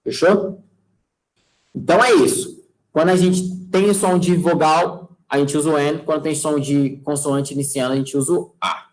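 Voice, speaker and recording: A man's voice: fairly high pitch, normal speed, rough recording. A man with a Brazilian Portuguese accent teaching English in a casual classroom style. He keeps checking in with his students and drops folksy sayings as he goes. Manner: checks in with students constantly, asking "tá?" and "fechou?"; relaxed and chatty, using folksy sayings.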